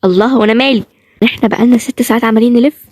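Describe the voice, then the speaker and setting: A woman performs a bossy young Egyptian woman who snaps and bickers in a fan audio drama. She talks at a furious pace, slightly high in pitch, with a mellow, dark tone. The sound is dry and close. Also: fairly even intonation, no echo, close to an everyday voice. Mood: impatient. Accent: Egyptian Arabic. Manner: rapid, bickering delivery. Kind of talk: amateur audio drama acting.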